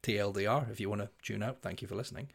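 A man in his thirties with a deep voice, co-hosting a casual music podcast. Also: racing, vocal fry. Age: 30s. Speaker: podcast co-host.

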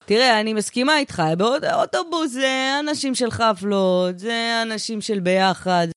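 Guy doing a tough boastful woman bus driver, pitched way up, slangy and emphatic comedy chat. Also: fairly bright tone, clean tone, no echo, studio quality. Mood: boastful, animated. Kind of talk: improvised comic character banter.

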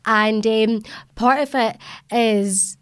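A woman's voice: a little high, fairly even intonation, very slow, fairly bright tone, clear, resonant tone. A young woman with a broad Scottish accent, speaking as an elected politician on a discussion panel in an emphatic, plain-spoken way. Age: young adult.

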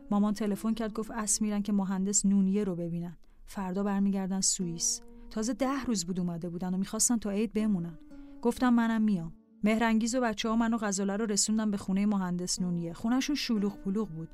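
Woman, calm diary narration, scripted reading, faint music behind. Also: medium pitch.

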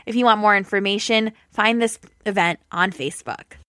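A woman hosts a podcast with a mid-range voice, speaking at normal speed in a sharp tone. She is effusive and grateful, often repeating words for emphasis as she gives a heartfelt sign-off and makes announcements. The recording is dry, with clean studio sound.

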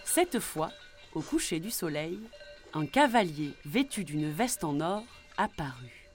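A woman's voice: low-pitched, soft background music. A woman reading a children's fairy tale aloud as a storyteller. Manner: slow, expressive storybook telling.

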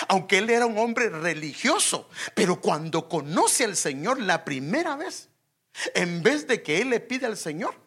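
Lively, forceful husky preacher. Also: medium pitch. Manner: addresses congregation directly, rhetorical questions; lively, emphatic. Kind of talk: sermon.

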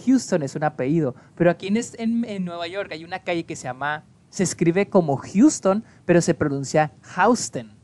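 A young Mexican man with a Mexican accent, co-hosting a casual podcast chat and telling stories in an animated way with many restarts. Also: fairly high pitch, fairly quick, few pauses. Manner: chatty, animated storytelling with restarts. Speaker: podcast co-host.

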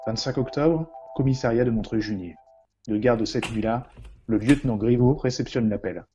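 A man telling a crime parody with pompous, mock-serious drama. His voice is dark and mellow. The recording is slightly dull and lo-fi. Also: medium pitch, moderate pace, faint music behind. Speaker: comedy narrator.

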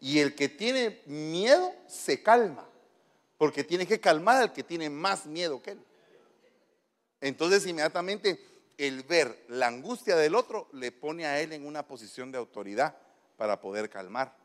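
A fairly high-voiced man, preaching and drawing answers from his listeners. He coaxes and teases people into telling their stories. His voice carries a long reverb from the hall. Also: animated, measured pace. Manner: playful, teasing, coaxing questions. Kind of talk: interactive sermon with congregation.

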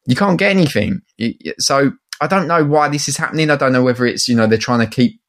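A man with an Essex accent in a casual chat. He talks in a colloquial, matey way, with a middling pitch, like someone swapping stories with a friend. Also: lively intonation, fast talker. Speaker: guest, toy collector.

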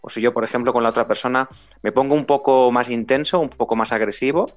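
A middle-aged man talks through communication principles in a measured teaching voice. He asks his co-host questions along the way. Faint music plays behind him. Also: mid-range voice. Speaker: communication trainer. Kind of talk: explanatory talk.

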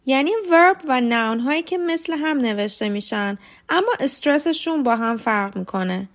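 A woman gives a scripted podcast lesson in a somewhat high voice. She talks clearly and with care. She slows right down whenever she spells out or models a word. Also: animated. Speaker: podcast host and English teacher.

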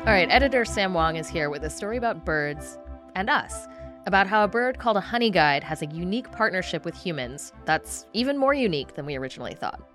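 A woman hosts a science podcast, bringing in her guest and asking questions with friendly curiosity. Her voice is on the low side, with faint music playing underneath. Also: expressive, quick pace, a bit bright. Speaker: podcast host. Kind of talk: hosted interview.

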